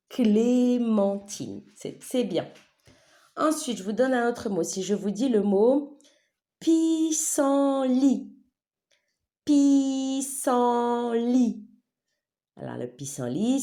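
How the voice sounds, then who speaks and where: Slow, patient schoolteacher woman. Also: low voice, mellow. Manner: slow, exaggerated syllables with a wide smile; patient, checks understanding often. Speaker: teacher. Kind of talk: remote phonics lesson for young children.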